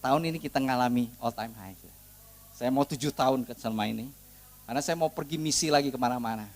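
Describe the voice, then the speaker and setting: A middle-aged male preacher with a Sundanese-tinged Indonesian accent tells a story in a sermon. He keeps calling his listeners "saudaraku" and moves between soft asides and loud, fervent exhortation. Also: mid-range voice, fast.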